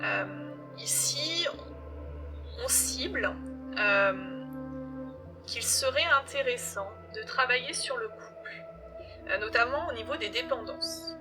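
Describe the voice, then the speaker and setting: A woman giving a casual tarot reading, unhurried and hesitant, with frequent fillers. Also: on the high side, animated, over music. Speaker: tarot reader.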